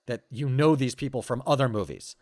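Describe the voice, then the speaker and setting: A man's voice: medium pitch, expressive, brisk, a little mellow, no echo, studio quality. Enthusiastic, stammering man in his forties. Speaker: podcast guest. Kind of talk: casual conversation.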